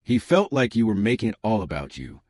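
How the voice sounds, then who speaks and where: Man doing a gentle but condescending mom, breezy, fairly low voice. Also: big pitch swings, brisk, dry recording, clean studio sound. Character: breezy condescending middle-aged mother.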